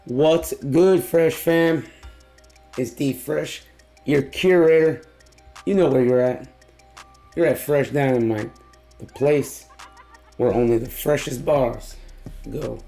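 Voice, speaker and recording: A man with a hoarse, tired voice giving a casual, excited music reaction in slangy, emphatic talk. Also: mid-range voice. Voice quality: hoarse, worn-out voice from losing it. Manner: slangy, emphatic, drawn-out exclamations. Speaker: music reaction video host.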